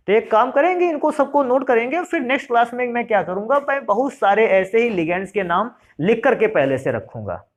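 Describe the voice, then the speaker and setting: A man's voice: very high-pitched, dull audio. A middle-aged man teaching a chemistry lesson, asking questions and answering them himself, repeating key terms and calling students "beta". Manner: addresses students fondly as "beta". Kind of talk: classroom lecture.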